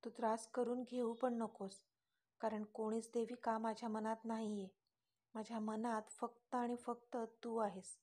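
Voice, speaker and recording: A confident young lover who teases and corners the girl with pointed questions, smirking as he talks, read by a woman storyteller. The voice sits a little high, kept close to her own reading voice. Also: little pitch movement, unhurried, a little mellow. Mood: tender. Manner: teasing, smirking, pressing questions. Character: teasing confident young man in love.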